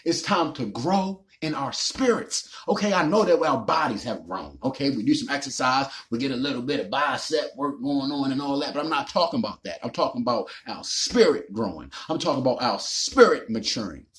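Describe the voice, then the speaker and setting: Speaking briskly with hardly any pauses, a Baltimore, Maryland man in his 40s gives a casual motivational monologue as a recovery vlogger. He has a lively pitch and comes across as emphatic and preachy, repeating himself and dropping slangy "man" asides.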